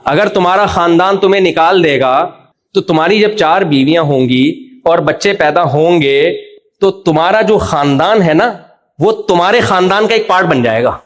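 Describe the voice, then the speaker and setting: A man delivers a religious lecture with a somewhat high voice. His manner is jovial and teasing, slipping into mock voices for his examples. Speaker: Islamic preacher. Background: audience laughter.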